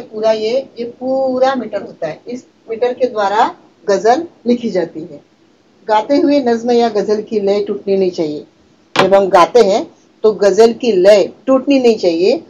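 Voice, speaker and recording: Lady teacher explaining poetry reeeal slow, warm low-key voice, kinda muffled lo-fi sound. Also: breathy edge. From Maharashtra, India. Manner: explains patiently, repeats key words, asks and answers own questions; chants meter and recites verse lines slowly. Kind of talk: online Hindi class lecture.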